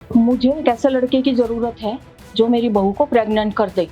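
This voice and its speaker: A woman's voice: on the high side, normal speed, mellow, lightly acted. An actress playing a scheming mother-in-law who later begs tearfully for forgiveness, in a melodramatic family drama with faint music underneath. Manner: pleading, repeats "beta" while crying. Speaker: actor in a family drama short. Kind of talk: melodramatic short-film acting.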